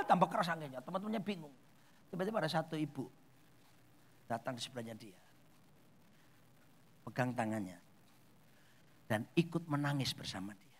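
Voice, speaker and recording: A male pastor preaching a sermon in a church, shifting between loud exclamations and soft, quiet asides. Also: fairly high pitch, animated, normal speed, pauses often. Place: church hall.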